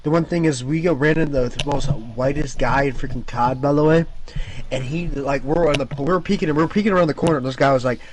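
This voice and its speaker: A man in casual chat about games, excitable and tripping over his words with quick restarts. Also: mid-range voice, crowd noise, rough recording.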